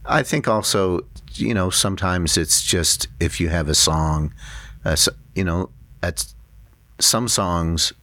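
A man's voice: low voice, slow pace, sharp tone, no echo. A man, a songwriter, talking thoughtfully and hesitantly in an interview, with many fillers. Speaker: songwriter and musician, interview guest. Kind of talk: casual interview chat. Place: studio.

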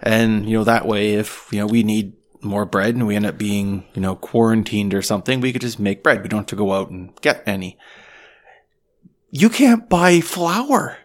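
A man's voice: on the low side, steady tone, fairly quick, hardly any pauses. A man co-hosting a podcast, chatting casually and joking as he tells stories over a beer in a cottage room with some echo. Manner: joking, talkative storyteller. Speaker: podcast co-host. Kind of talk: casual chat over beers.

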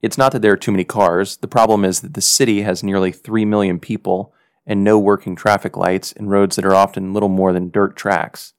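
An American man hosts a podcast, narrating a personal story from a script in an earnest, reflective, measured way. His voice is low and smooth with a steady tone, and the studio-quality recording has no echo.

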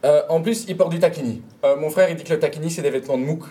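A man's voice: on the high side, rapid-fire, crowd noise, voice pushed up, close to an everyday voice. Man playing a naive, blunt little boy. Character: naive, boastful little boy narrating his childhood. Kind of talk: stage storytelling.

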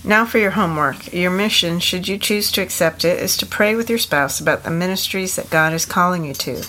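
Older woman, podcast co-host, low voice, steady, exhorting. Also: brisk.

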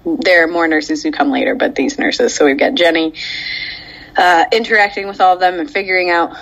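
A woman's voice: on the low side, a little fast, fairly bright tone. A woman co-hosting a podcast, explaining a show at length with many ums and frequent laughs. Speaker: podcast co-host. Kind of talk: casual chat, recapping a show. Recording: dull lo-fi audio.

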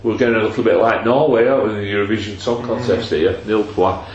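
A man's voice: lowish voice, fairly even intonation, quick pace, dull audio. Echoey man with a cold. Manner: rambling, jokey, trails off with fillers. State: has a bit of a cold. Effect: strong room echo. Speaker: podcast host. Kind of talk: casual football podcast chat. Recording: echoey room with faint noise.

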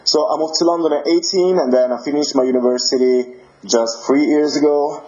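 A young man from Italy speaks English with an Italian accent, friendly and laughing easily as he hunts for the right words. His tone is soft and mellow. The sound comes through somewhat dull and lo-fi, like audio on a remote call. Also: fairly high pitch, steady tone, brisk. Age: 20s. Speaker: guest musician. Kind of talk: casual interview.

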